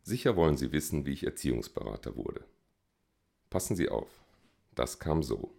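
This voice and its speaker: Very deep, gravelly male audiobook narrator. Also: big pitch swings, normal speed, dark tone.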